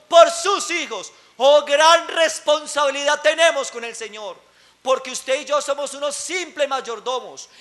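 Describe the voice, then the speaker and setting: High, bright-voiced preacher. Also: male voice. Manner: emphatic, rising to shouts on key words; asks the congregation rhetorical questions. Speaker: pastor. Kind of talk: sermon. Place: church service, recorded live.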